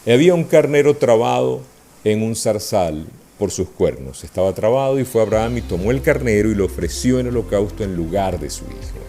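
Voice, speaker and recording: Lively animated male preacher. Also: lowish voice, a little fast, soft background music. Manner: animated, asks the congregation questions. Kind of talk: sermon.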